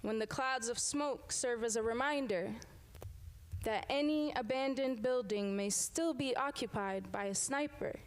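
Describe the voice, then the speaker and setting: Speaking unhurriedly in a slightly high voice, a young poet and teacher from Sudan delivers spoken word onstage before a live audience. The event room hears her return again and again to a rhythmic, forceful refrain.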